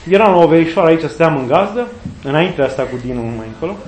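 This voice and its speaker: High-voiced man preaching in an echoey room. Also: expressive. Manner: conversational, acts out quoted voices with humor. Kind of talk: informal sermon. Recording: echoey room with faint noise.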